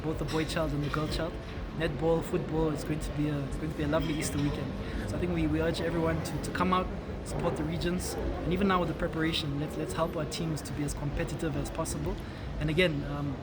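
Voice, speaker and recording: A man giving interview answers as a government official, speaking outdoors. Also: on the high side. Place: outdoor sky garden at an office building. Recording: loud outdoor urban noise, vehicles.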